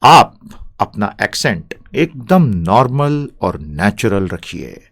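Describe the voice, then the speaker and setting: Animated man teaching English. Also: mid-range voice. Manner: emphatic, scolding asides, words stretched slowly for drill. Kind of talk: spoken language lesson.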